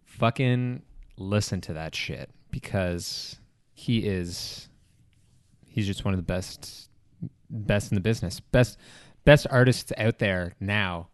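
Rambling, profane man with a lowish voice. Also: takes it slowly, no echo, studio quality. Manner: rambling, profane, lots of fillers and restarts. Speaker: podcast co-host. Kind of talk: casual chat.

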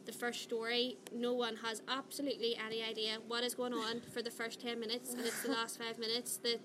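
A woman's voice: on the high side, monotone, fairly quick. A woman chatting casually in an interview as a play's director. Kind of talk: casual chat. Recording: clearly noisy background ambience.

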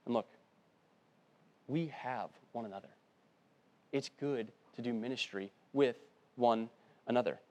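Man, pastor preaching a sermon, medium pitch, earnest, quiets down for emphasis. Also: unhurried, pauses often. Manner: earnest, drops to a hushed low voice for emphasis.

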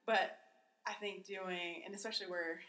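A woman's voice: mid-range voice, fairly even intonation, normal speed, fairly bright tone. A woman in her thirties co-hosting a podcast, talking in a chatty, rambling way and often agreeing with "absolutely". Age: 30s. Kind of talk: casual podcast conversation.

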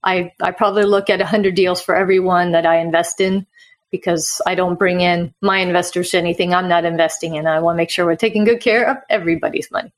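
Speaking fast in a low, steady voice, a woman guests on a podcast as a real estate investor and answers casually. She grew up in Sweden until nine, when she moved to the US, and she explains things in a conversational manner.

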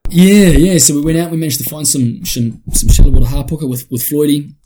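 A man's voice: a little high, brisk, mellow. A man with a broad New Zealand accent chatting casually in a laid-back, slangy, matey way. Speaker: interview guest, spear fisherman and underwater cameraman. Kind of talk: casual chat. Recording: roomy echo, faint noise, clicks.

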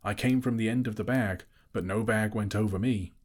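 A man's voice: on the low side, normal speed, lightly acted. Bilbo, a man doing a jittery hobbit. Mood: pleased. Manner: stammering, eager, flattering. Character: nervous flattering small male hobbit.

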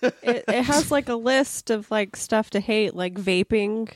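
A woman's voice: a little high, a little slow, no echo. A woman co-hosting a podcast, chatting casually in a laid-back, giggly way. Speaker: podcast co-host. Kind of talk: casual chat.

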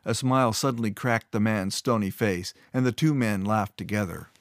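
A man with a lowish voice narrating a fantasy story in a steady, measured way. The recording is dry and close, with no room sound. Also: dry recording.

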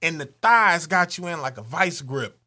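A man cohosting a podcast, telling raunchy stories in a profane, animated way and acting out voices. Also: fairly high pitch, moderate pace, noisy background. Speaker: podcast co-host. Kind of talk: raunchy comedic banter.

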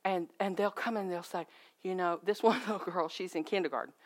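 A middle-aged woman giving a personal testimony at a church, telling stories in a lively way and acting out the voices of people she quotes. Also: lowish voice, fairly quick. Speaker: guest speaker at a church.

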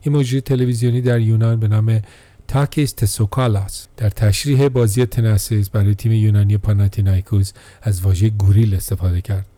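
Dark-voiced male documentary narrator. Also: on the low side, no room sound. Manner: steady, measured reading of quotes and events.

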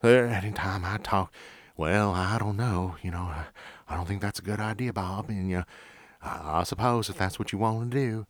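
A man imitating an old, country male patrol sergeant from Texas in his sixties, with a slow, hedging Texan drawl. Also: lowish voice, no echo, lightly acted. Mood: hesitant. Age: 60s.

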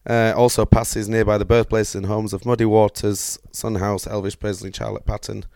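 A man's voice: lowish voice, flat delivery, moderate pace, gravelly, a little mellow, no room sound. A man, co-hosting a casual podcast chat and reading through his notes with lots of fillers. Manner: rambling, reads notes aloud with fillers. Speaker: podcast co-host.

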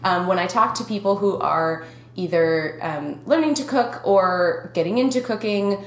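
A woman's voice: medium pitch, normal speed, echoey room. A young woman with a Minnesotan accent hosting a podcast, chatting casually and laughing often. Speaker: podcast host.

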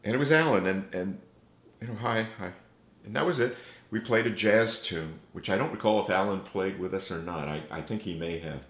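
A man, an interview guest and bass player, telling rambling, emotional anecdotes. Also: brisk. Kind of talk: storytelling interview. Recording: echoey room.

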